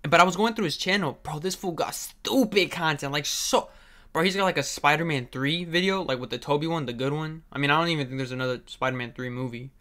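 A man's voice: a little high, fast talker, sharp tone. A young man hosting a reaction video, talking in a laid-back, slangy, profane way. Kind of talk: casual reaction commentary.

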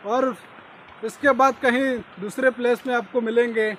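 A hoarse man co-hosting a travel vlog outdoors, talking loudly over a waterfall. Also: very high voice, little pitch movement, moderate pace. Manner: loud, speaking over the noise. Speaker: vlog co-host. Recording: noisy outdoor recording.

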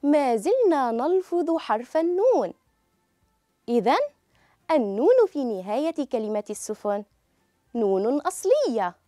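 A woman teaching a children's grammar lesson, speaking slowly and clearly and drawing out each example word for pupils to repeat. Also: high voice, big pitch swings, dark tone, no echo, studio quality, soft background music. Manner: clear, drawn-out model pronunciation.

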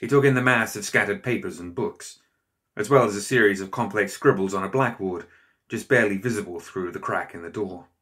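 A male storyteller with a lowish voice, reading fiction aloud in steady, measured scripted narration. The tone stays even and unhurried, built for an audiobook episode.

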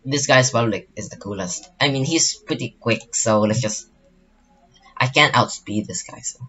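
A man's voice: mid-range voice, normal speed, sharp tone, husky, highs cut off. A young man commentating his own online game battle in a casual, rambling way, full of fillers and restarts. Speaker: gaming channel host.

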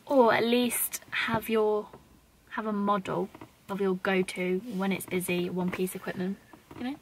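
A young woman from the UK, a fitness vlogger, chatting casually and quickly with her twin while they sit in a car at night, laughing easily. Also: mid-range voice, flat delivery, slight background noise, poor audio. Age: young adult. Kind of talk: casual chat. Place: parked car at night, lit by an interior light.

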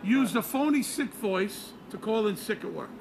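Cocky, high-voiced comic making judgments. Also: male voice, animated, moderate pace, vocal fry, music in the background. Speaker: comedy guest doing street bits. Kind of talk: comic street interviews.

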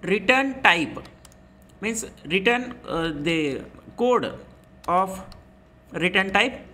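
A man's voice: high-pitched, animated, very slow, sharp tone, slight background noise. A man in his twenties explaining step by step in a spreadsheet tutorial. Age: 20s. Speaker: instructor. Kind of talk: screen-recorded spreadsheet tutorial.

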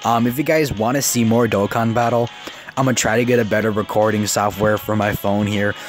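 A nineteen-year-old man with a fairly low voice commentates briskly on mobile game summons for a gaming video. He gets excited and tends to stutter, speaking very close to his phone's microphone while game music plays underneath.

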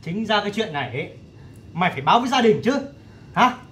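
A man's voice: high voice, sing-song, fast, bright, forceful tone, exaggerated voice. Man playing a stern, lecturing elder brother. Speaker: elder son and husband.

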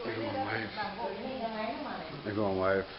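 A man's voice: on the low side, level tone, unhurried, dull audio, a loud crowd. A man filming his family on a home video and chuckling often as he talks, heard through old camcorder audio. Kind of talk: casual home-video chatter. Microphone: built-in camcorder mic.

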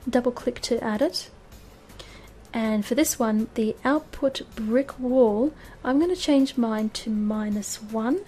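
Chatty higher-voiced woman explaining. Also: slow, warm tone. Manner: chatty, laughs at herself. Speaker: streaming tutorial host. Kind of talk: casual screen-recorded tutorial. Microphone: desk microphone with audio filters. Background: fan hum and birds.

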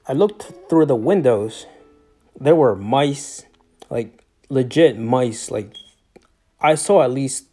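Mellow-voiced man rambling on a house tour. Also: medium pitch. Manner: rambling, hesitant, with many fillers and restarts. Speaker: homeowner giving a house tour. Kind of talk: casual house tour narration. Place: inside a small home. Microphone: handheld phone camera, off screen.

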